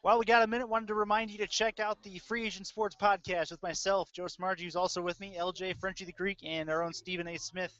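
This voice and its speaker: A man calls live American football play-by-play as a sports announcer, keeping it conversational between plays. His voice sits high and bright with fairly even intonation, moving at a quick pace with few pauses and no room sound. The audio comes through a dull lo-fi stream.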